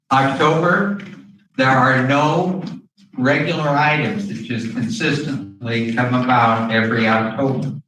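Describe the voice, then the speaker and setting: Speaking through a face mask, a school district official with a mid-range, fairly bright voice presents to a board in an indoor meeting room. He explains things hesitantly, with long pauses and frequent throat clearing, recorded on a distant mic in a very echoey room with faint noise.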